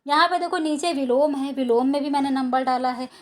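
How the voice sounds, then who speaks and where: High-voiced woman teacher explaining patiently. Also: a little fast. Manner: patient, repeats and rephrases for students. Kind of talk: explaining a school lesson to children.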